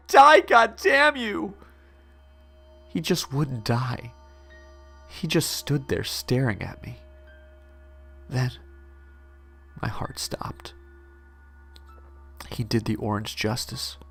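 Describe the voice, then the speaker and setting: A man narrating a parody horror story in a deadpan first-person telling. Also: on the low side, gravelly.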